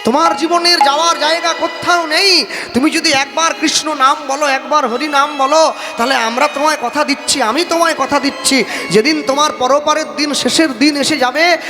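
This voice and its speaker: A man's voice: very high voice, fairly even intonation, normal speed. A man preaching a devotional sermon in an impassioned, sing-song manner, breaking into chanted verses. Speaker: kirtan preacher. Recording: echoey hall, faint music behind.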